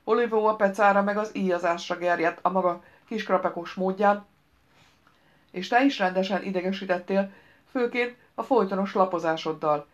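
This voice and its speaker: Woman reading as a brash young bride, scornful, slangy, audiobook character, middle-pitched voice. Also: highs cut off, close to an everyday voice. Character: arrogant, crude young bride-to-be.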